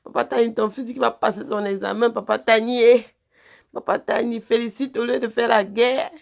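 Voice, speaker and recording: A woman with a Cameroonian French accent talks animatedly in a casual vlog. She teases and repeats phrases in a sing-song way, and her voice has a gravelly edge. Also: fairly high pitch, steady tone, brisk. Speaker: vlogger. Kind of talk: casual chat.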